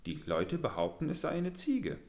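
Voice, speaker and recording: A man's voice: on the high side, wildly swooping pitch, normal speed, darkish tone, echoey room, pitched above the performer's own voice. A man voicing a gullible old farmer who muses in a hesitant, puzzled way. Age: older.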